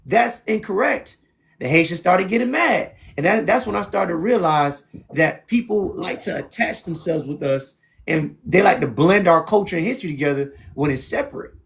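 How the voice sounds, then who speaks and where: On his stream, a South Florida host leads a heated debate, insistent and preachy, with "see what I'm saying" coming up again and again. The voice is high, expressive, creaky, a bit bright, at a moderate pace.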